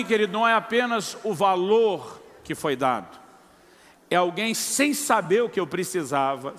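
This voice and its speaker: High-voiced Brazilian pastor preaching. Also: male voice, fairly bright tone, in a large hall. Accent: Brazilian Portuguese. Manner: storytelling, acts out quoted dialogue, addresses listeners as brother. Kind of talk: sermon with testimony.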